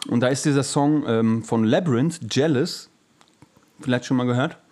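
This man co-hosts a podcast, speaking at a normal speed in a mellow, medium-pitched voice. He keeps the casual chat loose and slangy, letting asides trail off.

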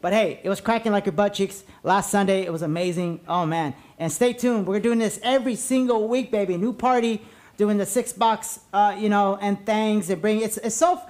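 A man's voice: high-pitched, steady tone, moderate pace, a little mellow. A man hosting a podcast in casual, rambling chat, informal and full of slang. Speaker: podcast host.

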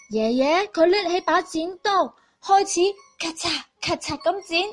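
A woman with a Cantonese accent reads a children's storybook in an expressive way, speaking to small children. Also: high-pitched. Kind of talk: scripted storybook narration for young children.

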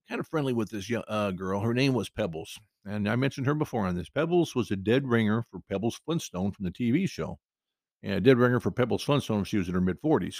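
Man, podcast host, casual storytelling, gravelly voice, dry recording. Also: lowish voice, a little mellow, no echo. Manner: rambling, conversational, with frequent restarts.

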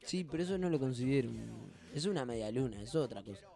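A man's voice: medium pitch, expressive, quick pace, gravelly, mellow, faint music behind. A man hosting a podcast, bantering and teasing his co-host in mock outrage. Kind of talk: casual joking chat. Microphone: studio podcast microphone.

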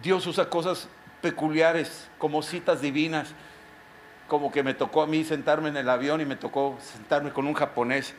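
Middle-aged preacher, slightly high voice, emphatic sermon full of rhetorical questions, faint background noise. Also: male voice, steady tone, normal speed. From Mexico. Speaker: pastor.

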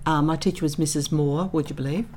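Talking quickly in a low, mellow voice with fairly even intonation, this Dutch-born, middle-aged woman shares stories as a guest in a frank interview. Her humour is dry and reflective, and the recording carries a little hiss or hum.

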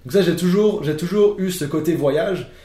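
Speaking at a moderate pace in a warm, slightly high voice, a young man from France talks casually as a podcast guest, giving long explanations full of fillers and false starts. The recording has an echoey room sound.

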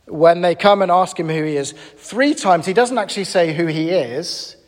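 A man preaching a sermon in an animated, conversational and emphatic way. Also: high voice, moderate pace, in a large hall.

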